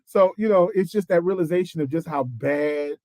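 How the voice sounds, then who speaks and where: A man's voice: on the high side, normal speed, no echo. A man co-hosting a gospel podcast, telling funny stories in a casual chat and acting out the people he quotes. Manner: animated storyteller who acts out quotes. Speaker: podcast co-host.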